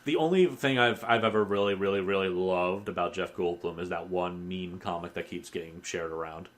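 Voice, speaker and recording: This is a man co-hosting a casual podcast. His voice sits fairly low, and he talks in a dry, teasing manner. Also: fairly quick. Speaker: podcast co-host.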